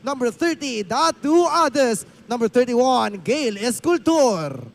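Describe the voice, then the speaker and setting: A man's voice: extremely high pitch, expressive, takes it slowly, vocal fry. A man announcing player lineups over arena speakers, drawing out numbers and names in a hyped announcer delivery. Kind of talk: live player lineup introductions. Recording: echoey hall PA with long reverb.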